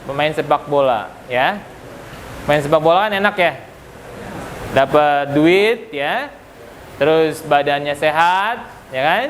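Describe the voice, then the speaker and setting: A man's voice: on the high side, expressive, slow, long pauses, fairly bright tone. A man teaching English vocabulary to a class, joking and quizzing the students. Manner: joking, asks the class questions. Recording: noisy classroom recording.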